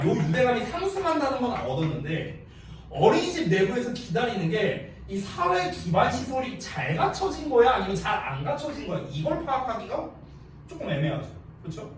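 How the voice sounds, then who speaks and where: A man's voice: sits high, recorded from a distance, a little hiss or hum. A man in his thirties teaching a class, telling anecdotes and quizzing his students in a chatty, joking way. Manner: chatty, jokey, asks students questions. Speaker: English teacher. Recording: echoey classroom, voice from afar.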